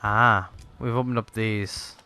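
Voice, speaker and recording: A man's voice: lowish voice, steady tone, slow pace, bright, forceful tone. A man rambling through let's play commentary with many fillers, hiccuping and a tired voice. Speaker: gaming YouTuber.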